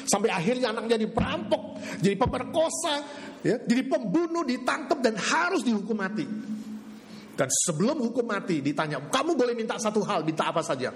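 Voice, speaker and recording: High-voiced preacher in a reverberant hall. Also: male voice, a little fast. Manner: animated preaching with call-and-response and acted quotes. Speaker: pastor. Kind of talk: sermon. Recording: long hall reverb, faint ambience.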